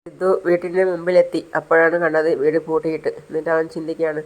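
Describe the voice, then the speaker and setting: A man's voice: on the high side, little pitch movement, fast, a little mellow, low-quality recording. A man telling a family drama story in a casual spoken way, saying the characters' lines himself without much change of voice.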